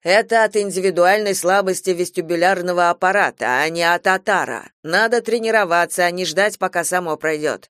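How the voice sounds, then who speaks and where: A woman voicing a reasonable middle-aged uncle who talks in a calm, lecturing way, with a dry close sound. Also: lowish voice, a little fast, hardly any pauses, clear, resonant tone, dry recording, natural voice.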